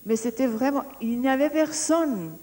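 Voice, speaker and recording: A woman giving a personal testimony, telling her story in a lively way and often restarting her sentences as she searches for words. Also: high voice, moderate pace. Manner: lively storytelling, acting out the dialogue she recounts.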